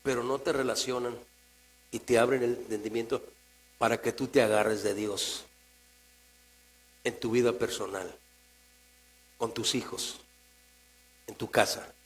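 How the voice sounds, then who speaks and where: Mexican-accented male pastor, mid-pitched, conversational preaching that swings quiet to emphatic, low electrical hum under it. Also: fairly even intonation, measured pace, pauses often, rough recording. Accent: Mexican Spanish. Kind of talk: sermon. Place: church. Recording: mains hum in the background.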